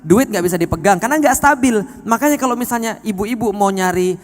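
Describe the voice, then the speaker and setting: A man giving an animated sermon to an audience, often asking them questions and swinging from soft to loud. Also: high voice, fast, long reverb tail. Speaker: preacher.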